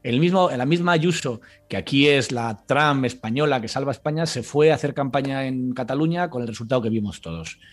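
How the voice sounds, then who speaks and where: A man's voice: medium pitch, fairly quick, few pauses, faint music behind. A man giving analytical, emphatic commentary on a talk show as a political analyst.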